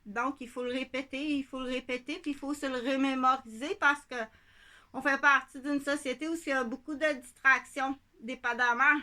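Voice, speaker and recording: Quebec French woman, piercing bright tone, digressive monologue, keeps asking "ok?". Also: sits high, steady tone, normal speed. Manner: digressive, repeats herself, asks "ok?" often. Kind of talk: rambling monologue.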